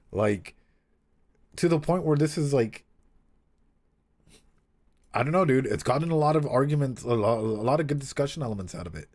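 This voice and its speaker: A man with a mid-range voice streams a casual read-aloud with his own commentary, animated and swearing, and drifting into frequent asides.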